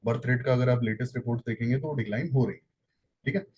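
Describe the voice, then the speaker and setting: A man's voice: medium pitch, fast talker, darkish tone, slight background noise, poor audio. A man with an Indian accent teaching an exam-prep lecture, explaining step by step, repeating points and correcting himself with fillers. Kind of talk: exam-prep lecture in Hindi-English mix.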